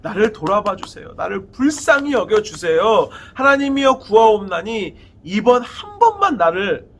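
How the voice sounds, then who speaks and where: A man's voice: high voice, a bit bright, exaggerated voice. A man preaching, acting out a blinded, repentant strongman who pleads with God. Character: Samson, blinded strongman praying for forgiveness.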